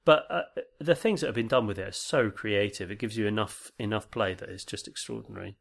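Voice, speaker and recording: A man's voice: on the low side, a little fast, vocal fry. A man co-hosting a podcast, reading out a listener email in an easygoing way, then chatting about it. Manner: easygoing, reads aloud then riffs. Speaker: podcast co-host.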